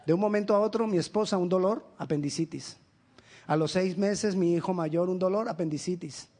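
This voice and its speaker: Male pastor, higher-pitched voice, emphatic sermon delivery with rhetorical questions. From Colombia. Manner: animated storytelling with quick asides.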